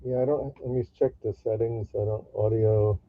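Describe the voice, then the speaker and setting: A man's voice: on the low side, steady tone, moderate pace. A man on a video call whose voice comes through muffled, as if through a wall, speaking hesitantly in short replies through a built-in webcam mic. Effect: muffled, as if heard through a wall. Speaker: guest on a collectors' live stream. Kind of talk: casual video call chat. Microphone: built-in webcam microphone.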